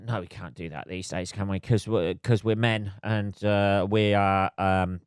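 A man in his forties hosts a casual solo podcast, sounding nasal and congested from a cold as he rambles, swears and pokes fun at himself. His lowish voice is smooth, steady and a little slow, recorded on a phone camera yet clean and studio-like with no echo.

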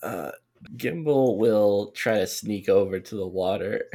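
A man's voice: on the low side, unhurried, warm tone. A man playing a tabletop game, chatting casually in a playful, jokey way.

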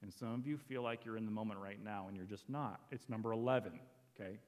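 A man's voice: lowish voice, fast, in a large hall. A man preaching a sermon as a pastor, earnest and conversational, quoting lines as he goes. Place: church sanctuary.

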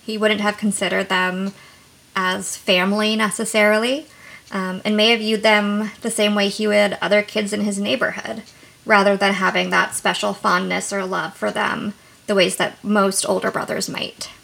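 A woman therapist co-hosting a podcast, explaining things in a calm, measured way. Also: medium pitch, creaky.

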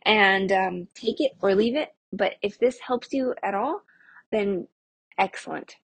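A young adult woman with a husky voice, hosting a podcast in a casual, chatty way and talking to listeners like friends. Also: mid-range voice, measured pace, no room sound. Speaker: podcast host of a nutrition show for mothers. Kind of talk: casual solo podcast talk.

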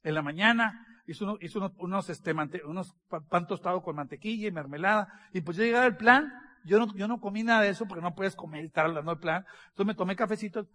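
High-voiced man telling funny stories. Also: fast talker. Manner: animated, acts out dialogue, laughs along. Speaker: business speaker. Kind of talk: humorous storytelling to an audience.

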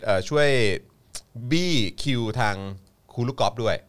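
A man's voice: mid-range voice, lively intonation, a little slow, clean tone. A man co-hosting a casual live-streamed news talk show, reading out viewer comments with lots of polite fillers and laughter. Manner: laid-back, frequent fillers, polite particles and laughter.

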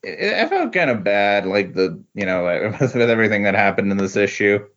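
On a dull, lo-fi recording, a man guesting on a podcast chats casually in a sing-song, somewhat bright voice of fairly low pitch. He keeps a moderate pace but is hesitant, frequently letting his sentences trail away.

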